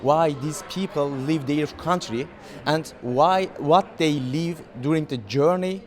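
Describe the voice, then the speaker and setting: A man from Turkey with a Turkish accent, a documentary filmmaker speaking English as a second language in a festival interview, halting with many fillers and restarts. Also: on the high side.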